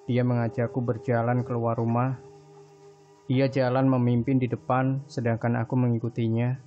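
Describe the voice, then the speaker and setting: A man narrating a first-person horror story in an even storytelling manner. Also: mid-range voice, normal speed. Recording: dull lo-fi recording, faint music.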